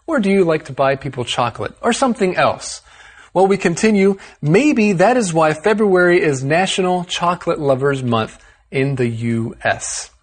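A man hosting an English lesson, explaining words with a clear, upbeat teacher delivery. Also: mid-range voice. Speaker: host. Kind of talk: explaining vocabulary to learners.

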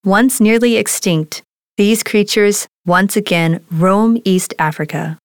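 A woman reading scripted nature documentary narration in a measured, articulate way. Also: mid-range voice, dry recording, clean studio sound. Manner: measured, articulate read delivery.

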